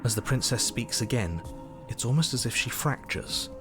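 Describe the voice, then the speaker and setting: A man playing a solemn, stern narrator in a video game, speaking in a measured, literary, commanding way. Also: medium pitch, lively intonation, over music, lightly acted. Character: solemn, stern storyteller narrator giving orders.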